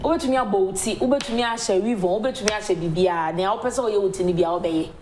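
A woman's voice: mid-range voice, fast, a little hiss or hum. A woman in her thirties with a Ghanaian accent hosting a TV show, reviewing newspapers in casual chat and often laughing as she talks, recorded on a lapel mic in a small studio. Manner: mixes languages freely, laughs often while talking. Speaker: TV show host. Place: small TV studio with large windows.

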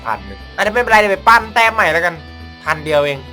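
Animated male gamer with swooping pitch. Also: very fast, faint music behind. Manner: crude, swearing, excitable exclamations. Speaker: gaming video host. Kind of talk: casual comedic gameplay commentary.

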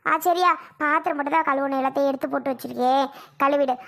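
A woman performing in a homemade family drama skit, her voice very high and bright. She moves between scolding, pleading and emotional household talk. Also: steady tone, quick pace, vocal fry.

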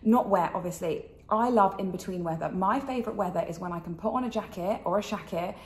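A woman's voice: mid-range voice, a little fast. A British woman in her thirties hosting a chatty fashion vlog, speaking with a slight impediment from the dental retainers she is wearing. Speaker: fashion channel host. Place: indoors in a kitchen. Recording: roomy kitchen echo.

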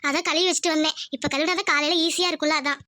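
A woman voicing a gentle, self-blaming young village wife in a cartoon. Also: high voice, fairly even intonation, very fast, no echo, clean studio sound. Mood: tender. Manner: soft, humble, pleading. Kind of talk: cartoon voice acting.

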